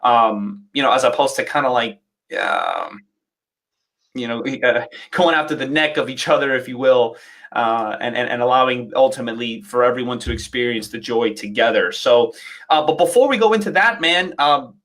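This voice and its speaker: A man's voice: medium pitch, animated, moderate pace, a bit bright. A man hosting a dance livestream interview, enthusiastic and rambling, with many fillers and restarts. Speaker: host and dance instructor.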